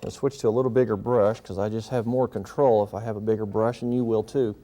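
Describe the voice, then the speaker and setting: A man giving a gentle, folksy painting lesson, talking casually and step by step as he demonstrates. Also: lowish voice, steady tone, fast. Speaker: painting instructor and show host.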